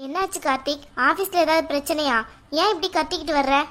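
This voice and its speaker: A woman's voice: high-pitched, fast, fairly bright tone. A woman voicing a worried middle-aged mother in a cartoon, fretful and pleading. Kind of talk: cartoon voice acting.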